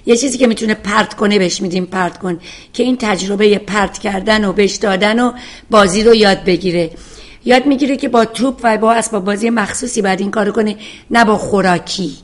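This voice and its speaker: A woman psychologist giving firm, emphatic advice to callers on a call-in show. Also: mid-range voice. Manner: firm, emphatic, repeats for stress.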